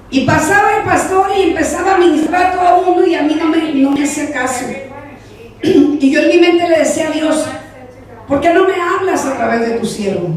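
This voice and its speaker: A woman pastor giving an animated sermon testimony to her congregation. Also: high-pitched. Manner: animated storytelling, addresses congregation as brothers. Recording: echoey hall, voice from far off.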